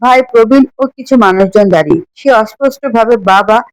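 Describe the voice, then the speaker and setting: A woman reads an emotional story aloud in an expressive, scripted narration. Her voice sits fairly high and is recorded dry and close, with no room sound. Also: fairly quick, no echo, rough recording.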